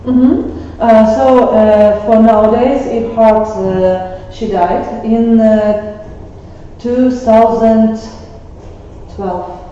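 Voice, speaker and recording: Slow, halting woman presenting a lesson. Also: fairly high pitch, steady tone, mellow, a little hiss or hum. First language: Ukrainian. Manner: slow, halting, with many fillers. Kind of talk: classroom presentation. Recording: echoey classroom, far mic, dull.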